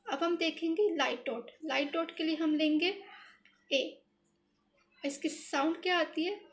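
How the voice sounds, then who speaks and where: A woman with a high voice teaches shorthand step by step in an unhurried, patient, repetitive tutorial, thinking aloud as she writes. She uses English words in an Indian accent.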